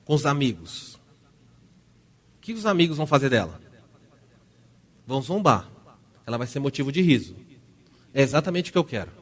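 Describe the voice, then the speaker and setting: A Brazilian man in his thirties preaches a sermon in church, his voice at a middling pitch. He acts out quoted family scenes, going loud and firm one moment and dropping soft the next. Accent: Brazilian Portuguese. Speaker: pastor.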